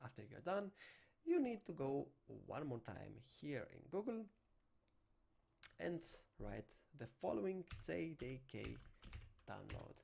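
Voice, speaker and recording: A Greek programming instructor from Greece teaches a screen-recorded coding tutorial through a desk microphone, talking through the on-screen steps in non-native English phrasing. His voice is a little high, lively and gravelly, and he takes it slowly.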